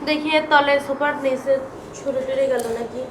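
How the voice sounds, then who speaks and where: High, quick woman, upset. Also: steady tone, slight background noise. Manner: quiet and upset. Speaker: vlogger's wife. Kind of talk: casual home conversation.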